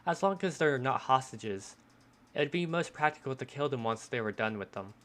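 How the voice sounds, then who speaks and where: A man's voice: medium pitch, animated, moderate pace, fairly bright tone. A man streaming, reading a visual novel aloud with dramatic emphasis and live asides, often stammering and repeating words.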